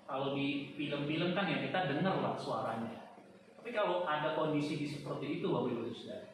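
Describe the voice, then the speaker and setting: A male pastor preaching a sermon, addressing the congregation directly and swinging between hushed and loud, emphatic delivery. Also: fairly high pitch. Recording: very echoey hall, distant mic, faint noise.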